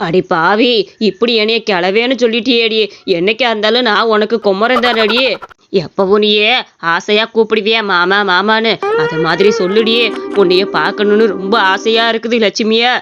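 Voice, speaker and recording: A woman's voice: mid-range voice, steady tone, moderate pace, music in the background, lightly acted. A woman voicing a grumpy, scolding old village man in a cartoon. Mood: pleading. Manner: scolding, threatening. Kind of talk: cartoon voice acting. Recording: dull audio with clear noise.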